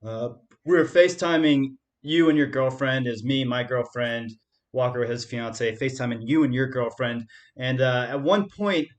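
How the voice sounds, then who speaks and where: A young man co-hosts a podcast in loose, comedic banter. He jokes and laughs often as he talks, and his voice sits at a middle pitch. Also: normal speed. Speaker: podcast co-host. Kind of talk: casual comedic chat.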